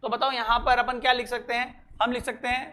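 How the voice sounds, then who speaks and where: Brief: physics tutor, mid-pitched, dictating slowly, repeating lines, faint background hiss. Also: flat delivery, bright, forceful tone. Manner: dictates slowly, repeats phrases, quizzes students. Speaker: physics teacher. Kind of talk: classroom lecture mixing Hindi and English.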